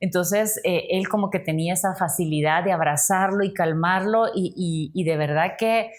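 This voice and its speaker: Candid Guatemalan woman, lowish voice. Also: normal speed. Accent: Guatemalan Spanish. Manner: earnest, candid storytelling with frequent fillers. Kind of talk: podcast conversation.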